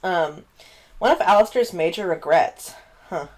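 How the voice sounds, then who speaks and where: A woman's voice: lowish voice, lively intonation, unhurried. A woman co-hosting a podcast, chatting casually about tabletop game characters with plenty of fillers. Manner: chatty, warm, frequent fillers and laughs. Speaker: podcast co-host.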